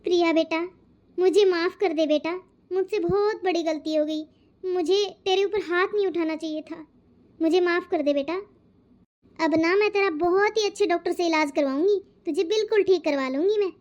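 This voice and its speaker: A woman voicing a proud, quick-tempered middle-aged mother-in-law in a cartoon, fussy and scolding. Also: very high voice, darkish tone, lo-fi sound. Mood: remorseful. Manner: scolding, fussy about her honour. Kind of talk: cartoon voice acting.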